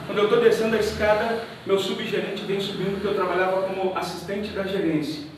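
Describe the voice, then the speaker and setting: A man with a Brazilian accent giving a testimony to a church congregation, telling his story in a lively way and acting out the dialogue. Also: high voice, fairly quick, noisy background. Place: church hall. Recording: very echoey hall, mic far off.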